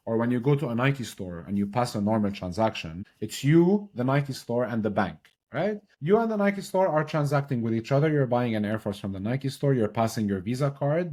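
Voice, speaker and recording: An energetic young man from Lebanon, speaking in a mid-range voice as a podcast guest. He explains technical ideas step by step in a casual, conversational way, often checking in with a quick "right?". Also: medium pitch. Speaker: podcast guest, blockchain consultant. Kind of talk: casual explanatory interview talk.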